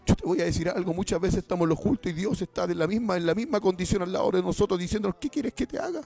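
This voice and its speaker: A man preaching an impassioned Pentecostal sermon as an evangelist, shouting exhortations and repeating phrases. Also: high voice, very fast, vocal fry, soft background music.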